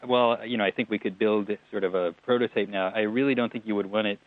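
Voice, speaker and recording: Talking fast in a lowish, steady voice, a man who writes and produces TV answers relaxed interview questions about his show. His talk wanders, chatty, with small laughs and restarts. There's no room sound, and it's a tinny phone line.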